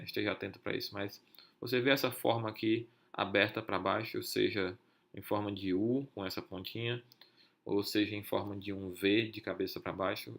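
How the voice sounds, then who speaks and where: A man's voice: fairly low pitch, creaky, fairly bright tone. A man teaching a lesson for a podcast, explaining step by step with many filler sounds and checking "certo?" with listeners, in Brazilian Portuguese. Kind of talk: explaining Hebrew accents over a text.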